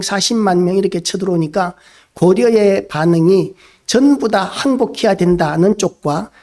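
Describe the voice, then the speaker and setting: A man preaching a sermon as a pastor, earnest and steady, posing rhetorical questions to the congregation. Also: high voice.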